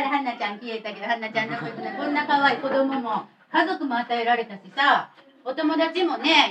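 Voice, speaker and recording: A woman in her thirties with a Kansai accent, telling a chatty, animated children's sermon as a church pastor. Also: on the high side. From Kobe, Japan. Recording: distant mic with faint noise.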